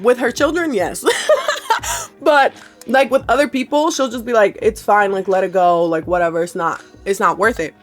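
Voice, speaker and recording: Woman in her twenties, vlogger, casual storytime, animated, swears, laughs, faint music bed. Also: fairly high pitch. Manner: animated, swearing, laughing often, quotes people in voices.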